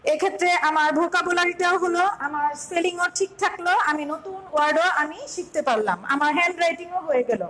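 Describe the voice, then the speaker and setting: A Bangladeshi woman teaching an online class, explaining step by step and slowly spelling words out. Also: very high voice, fairly bright tone, poor audio.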